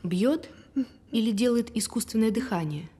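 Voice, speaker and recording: An actress playing a calm, reassuring woman therapist who speaks in a measured, probing way in an audio drama. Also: a little high, breathy edge. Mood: steady, probing.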